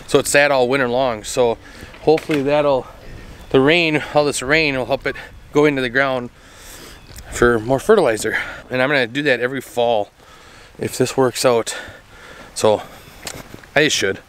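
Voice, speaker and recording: A man's voice: mid-range voice, fairly even intonation, moderate pace, pauses often, fairly bright tone, clear, resonant tone. A man in his thirties filming himself at arm's length on a rainy farm, explaining garden chores in a practical, matter-of-fact way. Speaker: homesteading vlogger. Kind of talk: casual outdoor vlog chat. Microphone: handheld camera at arm's length.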